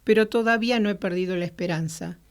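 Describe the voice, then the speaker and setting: A woman's voice: medium pitch, quick pace, clean tone, natural voice. A woman reading the inner monologue of a weary, anxious young male traveling salesman from a novel, in a musing tone.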